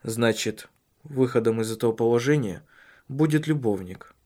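Storybook husband, read by a man: measured, earnest, mid-pitched. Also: darkish tone, lightly acted. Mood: earnest, probing. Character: calm, tactful husband, man.

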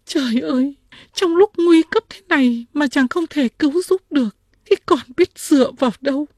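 A woman's voice: moderate pace, a little mellow, dry recording, clean studio sound, close to an everyday voice. A woman voicing a frightened young princess who pleads through sobs. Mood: pleading, tearful. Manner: high, pleading and sobbing.

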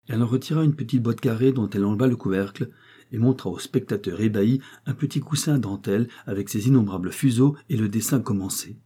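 A man narrating a novel as an audiobook in a measured, even storytelling manner. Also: lowish voice, breathy edge.

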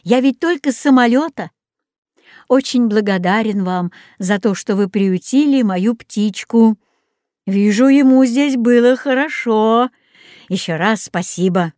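A woman's voice: fairly high pitch, unhurried, darkish tone, no echo, studio quality, natural voice. A woman reading the lines of a polite grown man who owns a parrot, in a storybook.

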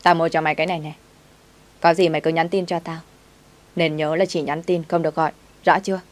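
A woman's voice: sits low, little pitch movement, quick pace, natural voice. Bossy young master, read by a woman. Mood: scolding. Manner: scolding, commanding.

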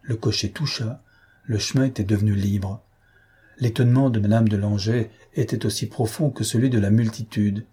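A man narrating an audiobook novel in a measured, dramatic reading style. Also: on the low side, steady tone, dark tone, breathy edge. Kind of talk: scripted narration.

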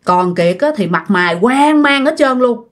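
A woman's voice: fairly high pitch, expressive, measured pace. A woman with a Southern Vietnamese accent casually retelling a ghost story, chatting directly to her listeners.

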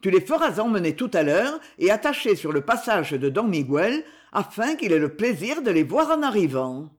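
A woman's voice: medium pitch, big pitch swings, normal speed, close to an everyday voice. Woman voicing a sneering bandit chief. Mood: mocking. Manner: mocking, cold. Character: ironic, menacing male bandit leader.

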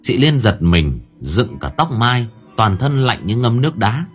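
A man narrating a story with lively, expressive storytelling. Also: medium pitch, unhurried, faint music behind. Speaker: audiobook narrator.

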